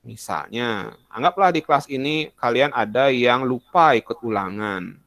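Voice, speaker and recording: A man's voice: medium pitch, animated, normal speed, a bit bright, dry recording. A young adult male teacher giving a casual classroom lesson, chatty and full of examples, often acting out short student messages.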